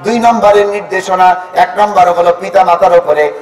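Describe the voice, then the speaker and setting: A man delivers a sermon at a high pitch, with his lines swelling into a chant. He keeps asking the crowd questions and waiting for their answer. The sound is roomy and reaches the mic from a distance. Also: fairly even intonation, moderate pace, soft background music. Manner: chanting, rising preaching cadence with call-and-response questions to the crowd. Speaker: preacher. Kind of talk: Bengali waz sermon. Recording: echoey, distant sermon recording.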